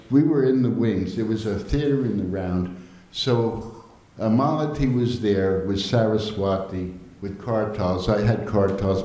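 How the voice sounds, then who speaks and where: An older man in his seventies tells anecdotes to a gathered audience, chuckling now and then as he goes. His voice is mellow and relaxed. The room around him rings with a roomy hall echo. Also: on the low side. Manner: lively storytelling, chuckling often. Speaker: devotional storyteller. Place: temple hall.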